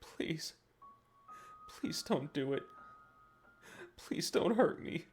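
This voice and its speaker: A man's voice: very high voice, lively intonation, unhurried, creaky, darkish tone, faint music behind, pitched above the performer's own voice, heavily acted. A man voicing a terrified, pitiful doppelganger of a man, crying and pleading in panicked repetition. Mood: tearful pleading.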